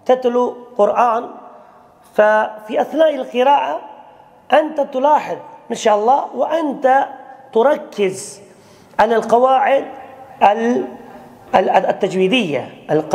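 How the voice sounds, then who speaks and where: A Kashmiri-speaking man from Kashmir teaches an online grammar class in a high, rough voice with vocal fry and a darkish tone. He checks on students by name, breaks off to restart phrases, and draws words out slowly when reading from the text.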